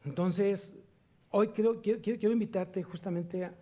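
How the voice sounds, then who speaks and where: A man preaching a sermon at a church service, reading scripture slowly and putting questions to the congregation. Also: high voice, fairly even intonation, warm tone. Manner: slow emphatic reading of scripture. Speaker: pastor.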